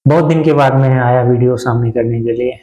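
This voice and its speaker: A man in his thirties chatting reflectively to camera in a halting way, pausing and restarting often. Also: mid-range voice, steady tone, warm tone, echoey room, rough recording. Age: 30s. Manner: halting, with many pauses and restarts. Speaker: vlogger. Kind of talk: casual reflective talk to camera.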